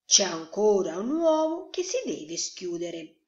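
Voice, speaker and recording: A woman voicing an anxious, protective mother duck in a storybook reading, speaking emphatically and slowly. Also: mid-range voice, very animated. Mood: firm. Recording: roomy echo, slightly dull sound.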